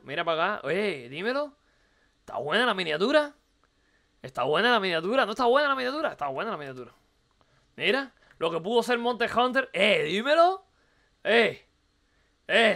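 A Cuban streamer, speaking Cuban Spanish, critiques a viewer's video rapid-fire in casual live-stream commentary, teasing, repeating phrases, and firing off rhetorical questions. His voice sits high and bright, a little hoarse from recording the night before.

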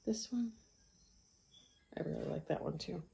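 Woman, middle-aged, slightly low voice, casual craft vlog, rambling, ums and restarts. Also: unhurried, creaky, dark tone, slightly rough. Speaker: craft channel host. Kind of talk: casual stitching vlog chat.

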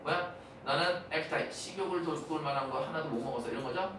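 Male teacher, fairly high voice, quick repetitive explaining, heard from afar in an echoey room. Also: fairly bright tone. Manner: quick explanations, repeats key words, corrects pronunciation. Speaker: English teacher. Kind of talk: lecture explaining a textbook dialogue. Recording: echoey room, mic at a distance, faint hiss.

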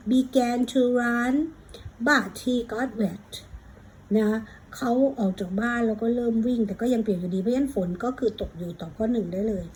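A woman's voice: on the high side, dark tone, a little hiss or hum, poor audio. Thai woman teacher, patient exam prep. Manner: explains patiently, calls listener "child", reads English aloud slowly.

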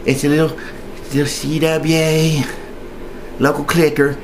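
In a low-quality recording with a little hiss or hum, a union member offers tips in a casual training video. He sounds chatty yet hesitant, wandering and repeating himself often, with a fairly high pitch, flat delivery and measured pace.

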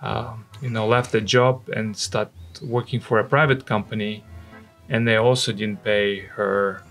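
Low, creaky Russian-accented man. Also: steady tone, unhurried, fairly bright tone, faint music behind. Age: 40s. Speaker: interview guest, missionary. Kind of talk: conversational personal recollection. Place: indoor studio. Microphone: microphone on a stand, close.

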